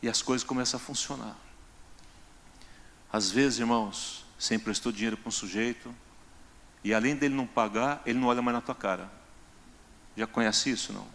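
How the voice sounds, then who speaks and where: A man's voice: medium pitch, fairly even intonation, fairly quick, gravelly, long pauses, fairly bright tone. A male pastor, preaching in a conversational way and acting out everyday scenes. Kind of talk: sermon. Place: church.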